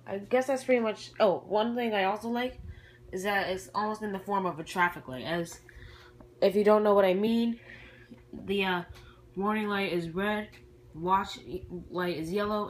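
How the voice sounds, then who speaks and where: A hobbyist on YouTube shows off their collection in a casual, meandering way, speaking at a medium pitch. Hesitation, trailing off and self-correction run throughout, and the homemade camcorder recording has noticeable background noise.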